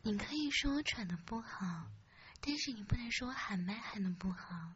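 A woman's voice: mid-range voice, animated, moderate pace, muffled recording, slight background noise. A young woman hosting a late-night live stream, whispering close to the mic, teasing and chatting with listeners. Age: young adult. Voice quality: soft whispering. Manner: teasing, playful, reads comments. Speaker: radio streamer host.

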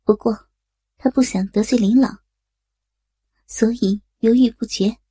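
A woman narrating a story in a steady, even storytelling voice. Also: a little high, measured pace, husky, no room sound, poor audio. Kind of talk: audio erotic story narration.

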